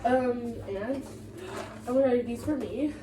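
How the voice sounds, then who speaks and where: A woman's voice: on the high side, a little slow. A young woman chatting playfully in a home kitchen while cooking with a friend, picked up from across the room. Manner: playful, laughs often. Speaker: friend of the vlogger. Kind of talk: casual chat. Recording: echoey, far from mic, noisy.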